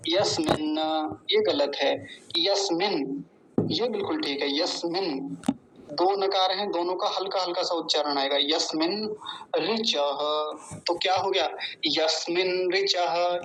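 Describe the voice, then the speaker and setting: Patient man drawing out words slowly. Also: high voice, fairly bright tone, slight background noise, low-quality recording. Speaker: Sanskrit teacher. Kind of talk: online pronunciation class.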